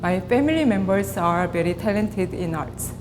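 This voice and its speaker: Korean-accented woman in a reverberant hall. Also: animated. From South Korea. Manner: measured, with pauses and fillers. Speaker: artist. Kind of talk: prepared artist talk. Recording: reverberant hall with clear rumble.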